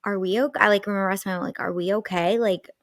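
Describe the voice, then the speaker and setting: A woman's voice: mid-range voice, fast, dry recording. A young woman co-hosting a podcast, telling a personal story in casual chat, full of "like" fillers. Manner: animated storytelling, lots of "like" fillers. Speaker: podcast co-host.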